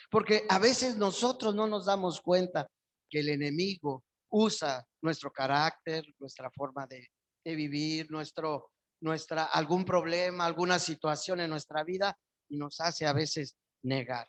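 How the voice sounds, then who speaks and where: A man's voice: a little high, a little slow. A male pastor preaching a sermon in church, his voice surging up with emphasis on key phrases.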